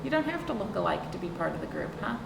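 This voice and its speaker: Fairly low in pitch, sing-song, and fast-talking, this woman is a librarian at a children's storytime. She reads a picture book expressively to young listeners, with chatty questions and asides for them. A distant microphone gives roomy sound with clear background noise.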